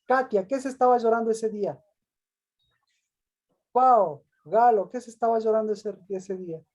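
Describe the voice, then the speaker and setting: High-voiced male pastor quizzing a congregation. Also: normal speed, darkish tone. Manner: questioning, repeats answers back, calls people by name; reads scripture aloud. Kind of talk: interactive Bible teaching with questions to the congregation.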